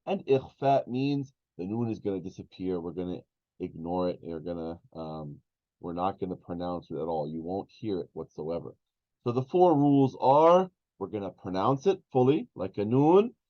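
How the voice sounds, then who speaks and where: A man teaching an Arabic class, explaining slowly with many fillers and restarts. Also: mid-range voice. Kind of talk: online class lesson. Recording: dull lo-fi sound.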